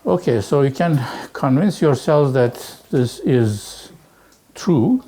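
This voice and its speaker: A man lecturing on physics, working through exercises aloud in a halting way and peppering his talk with "okay" and "right". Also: mid-range voice, lively intonation, warm tone, a little hiss or hum. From Turkey. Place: lecture hall.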